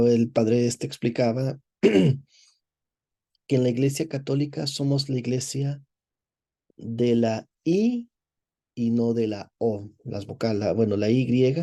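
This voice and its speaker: A male priest with a warm, mid-pitched voice lectures in a rambling teaching style, reading a text and commenting on it. He digresses, repeats words while searching for phrasing, explains patiently, and asks "verdad?" to check in with listeners.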